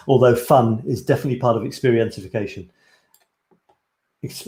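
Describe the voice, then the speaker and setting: A Scottish man, a photography coach, pitches his course on a live stream in a mid-range, warm voice with a roomy sound. He's eager and chatty and keeps correcting himself mid-sentence.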